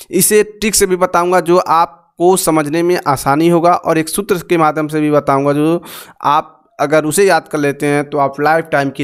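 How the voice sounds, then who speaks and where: A man's voice: high voice, clean tone. A young man teaching a grammar lesson for exam preparation, explaining patiently and having listeners repeat sounds with him.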